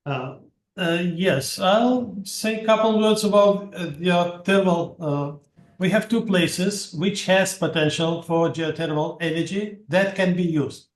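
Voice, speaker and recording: High-voiced man from Azerbaijan in an echoey room. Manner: halting, with many uhs and word restarts. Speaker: panelist. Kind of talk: webinar panel answer. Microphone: video call. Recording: echoey room on a video call.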